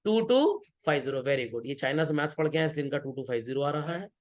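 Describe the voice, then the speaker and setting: A man's voice: on the high side, quick pace. A man teaching an accountancy class, joking and teasing his students as he works through problems, switching between Hindi and English. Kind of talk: classroom lecture.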